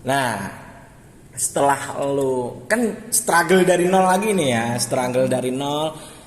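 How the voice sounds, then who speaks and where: A man's voice: mid-range voice, lively intonation, slow. A man interviewing a guest casually, joking and dropping English words into his questions. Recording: echoey hall, faint noise.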